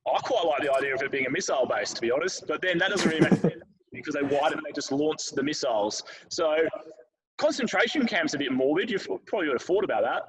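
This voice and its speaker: A man's voice: on the high side, animated, fast talker, a bit bright, low-quality recording. A man hosting a casual podcast quiz, reading out questions and teasing his co-hosts. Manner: playful, teasing, reads questions aloud. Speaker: quiz host.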